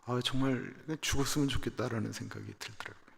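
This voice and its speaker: A Korean-born pastor in his fifties preaches a personal testimony at a dawn service. His voice sits at an ordinary male pitch, and he shifts between hushed, confessional storytelling and loud, emphatic declarations. The sound carries the long reverb of a church hall. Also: steady tone, fast talker, gravelly. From South Korea. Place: church sanctuary.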